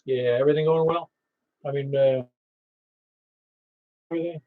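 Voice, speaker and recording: A man's voice: medium pitch, steady tone, moderate pace. A chatty, rambling man casually hosting an amateur radio net, reading out call signs. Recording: slightly dull radio recording.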